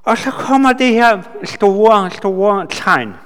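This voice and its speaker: A man giving a sermon, retelling a Bible story with lively asides to his listeners. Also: sits high, clear, resonant tone. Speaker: preacher. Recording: long hall reverb.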